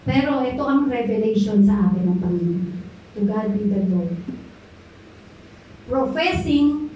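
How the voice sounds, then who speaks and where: A woman's voice: a little high, animated, a little slow, warm tone, slight background noise. A middle-aged woman pastor preaching a sermon, drawing amens from the congregation and mixing in English. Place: church hall. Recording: echoey hall, voice from far off.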